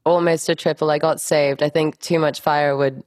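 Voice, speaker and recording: A young woman, an actress, with a mixed mostly English accent with a slight Spanish lilt, chatting brightly and gratefully in an interview. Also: deep voice, level tone. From born in Miami, raised abroad. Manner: bubbly, grateful, quick to laugh. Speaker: actress guest. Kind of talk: casual interview chat.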